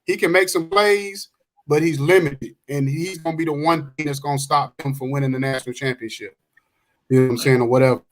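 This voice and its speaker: A man's voice: fairly high pitch, fairly even intonation, brisk, low-quality recording. A man co-hosting a sports podcast in casual chat, laid-back and repeating himself. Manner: laid-back, repeats phrases, laughs often. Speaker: podcast co-host.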